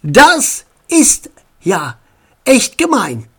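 A man's voice: high-pitched, sing-song, takes it slowly, pitched above the performer's own voice, heavily acted. A man voicing an outspoken, cheeky old grandmother in a storybook reading, blunt in manner. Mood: indignant.

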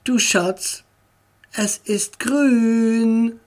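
A fond mother from a family storybook, read by the narrator, speaking gently to her family. The voice sits slightly above the reader's own and is drawn out very slowly. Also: medium pitch, voice pushed up. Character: mother in the family car, affectionate.

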